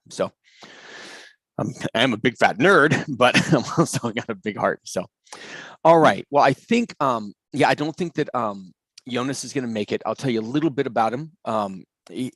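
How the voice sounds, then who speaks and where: A male coding course instructor teaches a casual live class over a video call, sounding enthusiastic and full of fillers and restarts. His voice is mid-range, and there's no echo.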